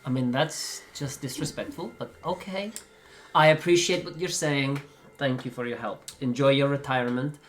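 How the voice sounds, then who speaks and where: A man with a mid-pitched voice talks as a player in a tabletop game. His chat is casual, dry and polite, and quiet music sits behind it. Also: fairly even intonation, normal speed.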